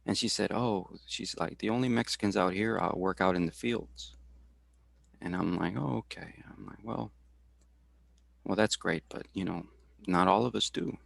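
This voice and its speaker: Low gravelly guy from texas on a video call, dry close sound, lots of ums and restarts. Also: fairly bright tone, no echo. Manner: halting, many fillers and restarts. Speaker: guest speaker. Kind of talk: casual career talk.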